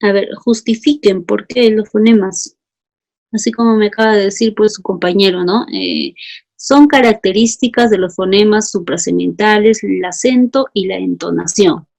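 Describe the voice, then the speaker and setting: A medium-pitched woman's voice at a moderate pace, showing vocal fry and a slight mellowness. She's a teacher with a Peruvian Spanish accent who calls on students by name, reads their answers aloud, and asks for justifications.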